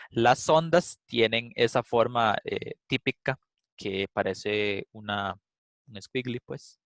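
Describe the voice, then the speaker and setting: Man, instructor, relaxed explanatory lecture, mid-pitched voice, dry close sound. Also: dry recording. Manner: casual, explanatory, thinks aloud with filler "eh". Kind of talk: recorded class lecture with live demo.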